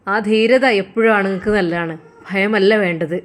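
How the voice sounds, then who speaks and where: Woman voicing a calm, forgiving young man. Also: medium pitch, moderate pace, lightly acted. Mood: reassuring. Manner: calm, reassuring.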